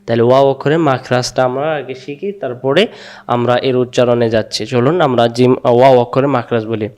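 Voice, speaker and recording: A man teaching Quranic Arabic letter pronunciation, repeating syllables slowly and patiently so learners can echo them. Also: medium pitch, fairly even intonation, a little mellow.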